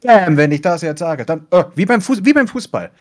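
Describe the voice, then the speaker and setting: A man who commentates esports, chatting casually and letting his voice deliberately rise and fall as he talks. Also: animated, darkish tone. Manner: deliberately rises and falls in pitch while telling. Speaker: esports caster. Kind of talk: casual podcast chat.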